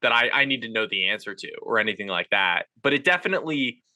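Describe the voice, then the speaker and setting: A man hosting a podcast, chatting casually and thinking aloud with quick restarts. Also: mid-range voice, expressive, sharp tone. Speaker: podcast host. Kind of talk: casual chat.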